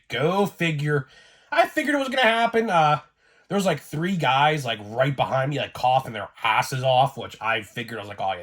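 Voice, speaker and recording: Rambling man getting over a cold. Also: mid-range voice. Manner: rambling and excitable, with lots of fillers. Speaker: sports card YouTuber. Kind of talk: casual vlog commentary.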